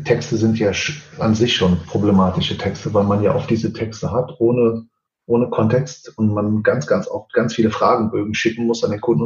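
A Portuguese man who works as a professional translator speaks German with a Portuguese accent, answering interview questions about his work and often tagging sentences with "ja." His voice is lowish and a little mellow. The recording is roomy and slightly dull.

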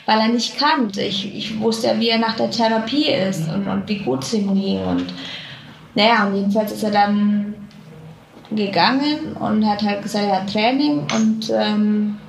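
A woman telling a personal story in conversation, halting and reflective, often searching for words. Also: mid-range voice, steady tone, vocal fry. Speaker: interview guest. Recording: echoey room with faint noise.

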